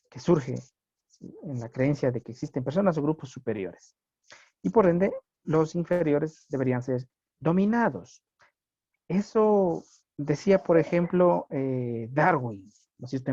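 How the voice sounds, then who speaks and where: A man's voice: a little high, dark tone, no echo. A man giving a classroom lecture, often checking with his students by asking "right?". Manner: checks understanding with frequent tag questions. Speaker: teacher. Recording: muffled lo-fi recording.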